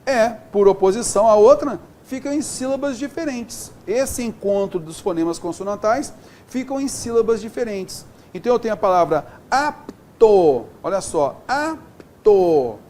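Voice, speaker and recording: A high-pitched man with a Brazilian accent teaches a Portuguese grammar lesson at normal speed, with slight background noise. He explains step by step in a lively way, checking in with the class through frequent "beleza?" and "tá?".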